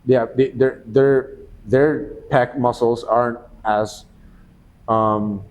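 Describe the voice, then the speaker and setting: A man from the Philippines, a professional MMA fighter guesting on a podcast, chatting in a relaxed, slangy way and calling people "bro". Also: medium pitch, slow, a little hiss or hum. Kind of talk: casual podcast chat.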